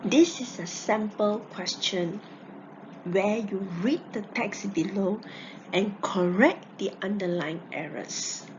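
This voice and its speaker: A woman, teaching an exam preparation lesson and stressing key words deliberately. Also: mid-range voice, darkish tone, slight background noise. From Malaysia. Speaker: English teacher. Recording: dull lo-fi recording.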